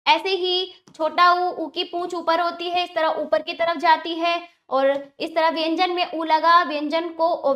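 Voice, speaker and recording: A woman teaches children in a very high voice. She goes slowly and carefully, repeating each sound so they can follow. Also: pushed and bright. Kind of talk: children's grammar lesson.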